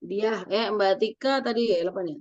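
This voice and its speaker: A woman's voice: mid-range voice, normal speed, a little mellow, no echo. A woman in a study group asking the teacher questions, hesitant and searching for words. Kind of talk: asking questions in casual chat. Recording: dull dry lo-fi recording.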